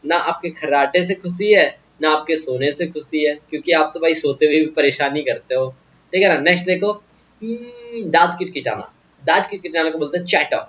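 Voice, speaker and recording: A man's voice: fairly high pitch, moderate pace, a bit bright, lo-fi sound. A man teaching English vocabulary in a casual, joking way, often asking the viewer questions. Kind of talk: casual Hindi vocabulary lesson.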